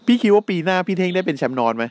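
A man co-hosting a casual wrestling podcast. He teases, swears and laughs along, in a voice a bit higher than most men's. The tone is loose banter. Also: expressive, rapid-fire, darkish tone, no echo. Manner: teasing, laughs often, swears. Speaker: podcast co-host.

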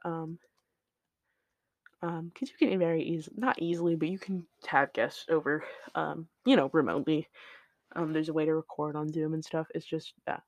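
A man's voice: a little high, fairly even intonation, moderate pace, a little mellow, dry recording. A man hosting his own solo podcast, talking casually in a rambling, tangent-prone way with lots of "like" and "um" and some swearing, into his home microphone. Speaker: podcast host.

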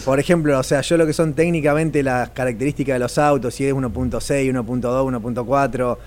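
A man's voice: mid-range voice, quick pace. A young Argentine man, a racing driver guest, telling anecdotes and acting out the dialogue. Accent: Argentine Spanish. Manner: animated storyteller, acts out dialogue. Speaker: race car driver guest.

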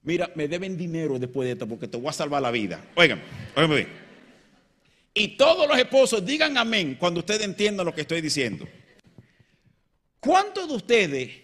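A man preaching a sermon, swinging between loud emphatic peaks and quiet low passages and joking with his congregation. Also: big pitch swings, normal speed, long pauses. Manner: jokes and banters with the congregation.

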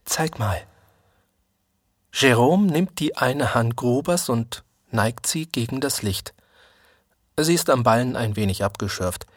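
A man reading a literary story aloud in a calm, measured manner. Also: medium pitch, no echo, studio quality. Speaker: narrator.

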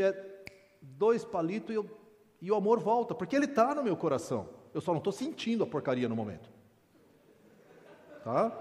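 A man's voice: sits high, darkish tone. A middle-aged man, preaching informally to a men's meeting with candid humorous asides. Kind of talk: conversational sermon. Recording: long reverb in a large hall.

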